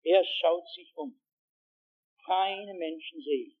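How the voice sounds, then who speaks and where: A man's voice: on the high side, slow. A man preaching a sermon as dramatic storytelling, repeating phrases for effect, on a dull lo-fi recording.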